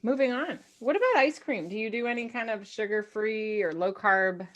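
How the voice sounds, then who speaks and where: A woman's voice: on the high side, lively intonation, normal speed, a bit bright. A middle-aged woman hosting a podcast, chatting casually and laughing easily. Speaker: podcast host. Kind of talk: casual chat.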